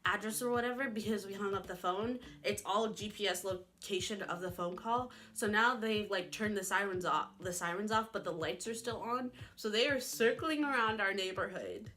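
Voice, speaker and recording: A woman telling a dramatic storytime vlog in an animated, chatty way, full of "like". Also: mid-range voice, moderate pace, few pauses, slight background noise. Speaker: vlogger.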